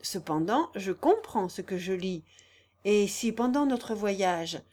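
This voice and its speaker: A woman's voice: medium pitch, lively intonation, slow pace, darkish tone. A woman reading the part of a shy, eager young male musician, speaking with ardent emotion. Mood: earnest.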